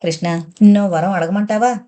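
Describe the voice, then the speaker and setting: Woman reading a soft, pleading young woman in love, mellow tone, audio novel. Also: mid-range voice, fairly even intonation, normal speed, natural voice. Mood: anxious pleading. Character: young woman, anxious devoted lover.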